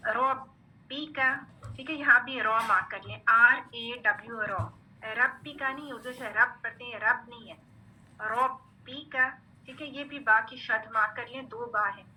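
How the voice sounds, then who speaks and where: A high, very bright-voiced woman leads a recitation lesson, patiently sounding out each letter and checking understanding. A faint hiss sits under her voice. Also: rough recording. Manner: patient, repeats "theek hai" often; drills letter sounds slowly. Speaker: Quran recitation teacher. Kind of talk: online tajweed lesson.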